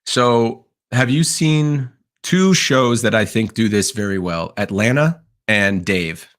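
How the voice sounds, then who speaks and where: A man's voice: mid-range voice, slow pace, a bit bright. A man co-hosting a casual podcast, earnestly arguing his point with enthusiasm. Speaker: podcast co-host. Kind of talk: casual chat.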